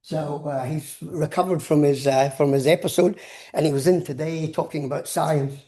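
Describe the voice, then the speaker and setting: This professor, an older man with a Scottish accent, delivers a casual science lecture at a moderate pace in a warm, slightly high voice with fairly even intonation. He drifts into stories and repeats words, and the room echoes around him.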